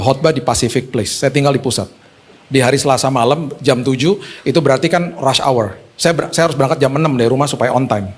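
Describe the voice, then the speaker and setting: A male pastor preaching a sermon, telling a story with acted-out dialogue. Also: medium pitch. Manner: animated, acts out dialogue with raised voice.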